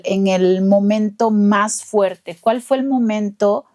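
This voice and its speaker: A woman leads an interview at an unhurried pace. She speaks in a measured, deliberate way, in the middle of the pitch range. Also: a little mellow. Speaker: interviewer, lawyer. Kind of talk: empathetic interview commentary.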